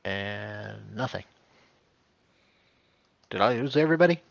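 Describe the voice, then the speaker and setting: A man's voice: fairly low pitch, animated, a little slow, creaky, dull audio. A man playing a tabletop game over voice chat, chatty and laughing, muttering his dice rolls. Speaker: player.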